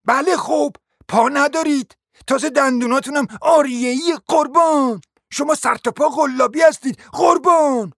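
A reader voicing a quarrelsome provincial lady who shrieks high, shrill accusations, in a dry close recording. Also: gravelly, dry recording. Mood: screeching.

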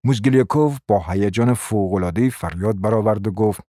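A low-voiced male narrator telling a radio drama in a measured, formal way. His voice sits close and dry, with no room sound. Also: dark tone, no echo.

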